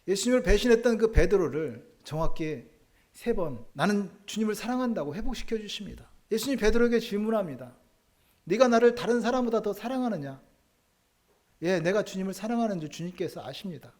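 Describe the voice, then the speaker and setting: Guy pastor giving a sunday sermon, kinda high voice, gets loud and intense then goes quiet. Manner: preaching with rising emphatic swells and soft drops. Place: church sanctuary.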